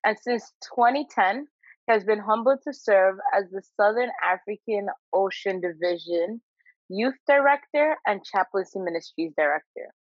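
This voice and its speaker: A woman's voice: mid-range voice, moderate pace, no echo. A woman co-hosting a podcast in a casual, playful, slangy way, sometimes reading aloud. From Zambia. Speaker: podcast co-host. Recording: dull, lo-fi audio.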